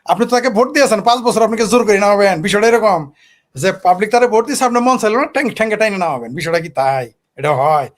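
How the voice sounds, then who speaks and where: A man's voice: high-pitched, fast. A man from Bangladesh with a Bangladeshi Bengali accent, giving heated political commentary on a talk show and firing off rhetorical questions. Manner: combative, fires rhetorical questions.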